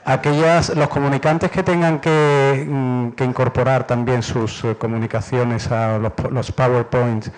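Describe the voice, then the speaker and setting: Male organiser, average pitch, polite unscripted announcement with hesitant phrasing. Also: steady tone, unhurried, hardly any pauses, rough recording. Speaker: conference organiser. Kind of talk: practical spoken announcement.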